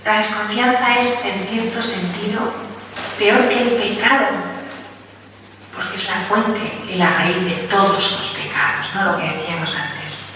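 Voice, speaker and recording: A woman from Spain giving a spiritual talk as a Carmelite nun, telling childhood stories in a lively way and acting out what people said. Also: medium pitch, measured pace. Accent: Spain Spanish. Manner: lively storytelling, acts out quotes. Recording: echoey hall from far off, faint noise.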